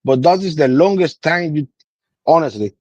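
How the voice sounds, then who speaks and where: The guest here blends cigars: a man in his thirties from Cuba, a Spanish speaker with a Cuban accent, patiently explaining in broken English in a casual interview. His fairly high voice is expressive and darkish at a moderate pace, captured lo-fi without echo.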